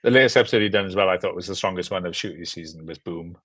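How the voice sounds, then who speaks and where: Talking very fast in a low-pitched, fairly bright voice with a breathy edge, a South Welsh film director in his 20s or 30s joins an interview as a guest. He's on a video call with earbuds in a small room at home, with no echo. His casual, enthusiastic chat often repeats words for emphasis.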